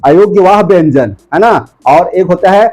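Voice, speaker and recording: A man teaching a grammar lesson, asking his viewers questions and answering them himself, slowing down to dictate notes. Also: sits high, lively intonation, a little mellow, low-quality recording. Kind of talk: classroom lesson.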